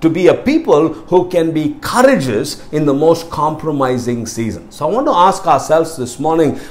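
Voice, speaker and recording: A man's voice: fairly high pitch, a little mellow. A man preaching a sermon, emphatic and repetitive, stressing key words and phrases. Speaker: pastor.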